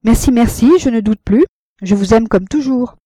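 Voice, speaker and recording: A woman's voice: fairly high pitch, normal speed, mellow, no room sound, pitched above the performer's own voice, close to an everyday voice. A woman reading as an ardent young lover. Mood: pleading. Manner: pleading, impassioned. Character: young man, ardent lover, brooding and bitter.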